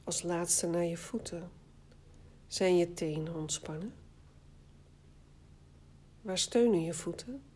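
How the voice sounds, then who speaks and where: Slow, low-voiced woman guiding relaxation. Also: husky. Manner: calm, soothing, short phrases with long pauses. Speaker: guided meditation instructor. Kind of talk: guided body scan relaxation narration.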